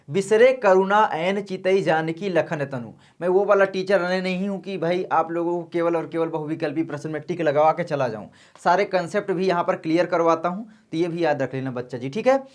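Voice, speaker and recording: A man teaching an exam-prep lesson in a calm, slow, soft-spoken way, repeating key points and speaking to his students kindly. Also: high voice.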